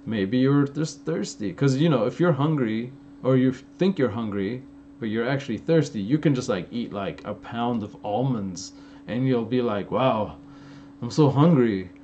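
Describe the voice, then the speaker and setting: Fielding live chat questions on a casual stream, this young man from LA talks with a medium pitch, dark tone, and moderate pace. His American accent carries Armenian influence, and his answers wander, packed with fillers and false starts. Faint noise sits under the slightly dull, lo-fi audio.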